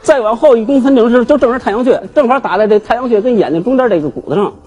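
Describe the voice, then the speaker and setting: A man, a guest telling his grievance on a TV talk show in an animated, aggrieved way. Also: very high-pitched, rapid-fire. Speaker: guest, husband seeking divorce. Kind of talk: emotional storytelling on a TV talk show.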